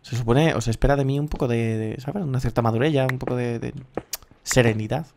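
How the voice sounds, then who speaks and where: A man in his thirties with a Castilian Spanish accent, swearing freely and rambling excitedly as he comments on his own gameplay. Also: medium pitch, quick pace, creaky, background noise. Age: 30s. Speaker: gaming youtuber.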